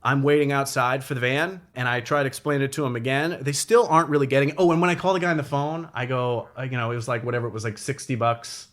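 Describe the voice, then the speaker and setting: A man's voice: mid-range voice, steady tone, fast talker, few pauses, fairly bright tone. A young man, a comedian, telling a long, rambling and profane story in casual conversation. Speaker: comedian guest.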